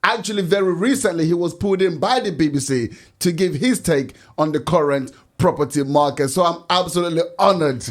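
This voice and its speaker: A man's voice: fairly high pitch, brisk, few pauses. A man hosting a podcast, introducing his guest with enthusiasm and calling him bro. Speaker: podcast host.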